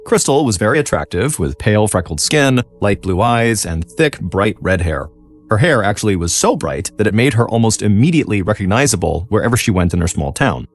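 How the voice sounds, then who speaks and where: Faint music plays behind a man with a fairly low voice, recorded without echo. He hosts a true-crime podcast, telling the case dramatically with animated intonation.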